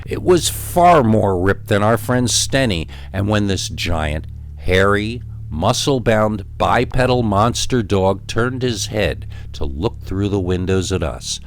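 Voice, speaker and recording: A man with a lowish voice narrates a scripted scary story from a first-person view, dramatically emphasizing and drawing out key words, with slight background noise.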